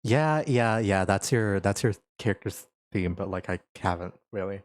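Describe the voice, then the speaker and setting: A man narrating a tabletop game as game master, improvising in halting short phrases with pauses. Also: sits low, no room sound. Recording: music under the voice.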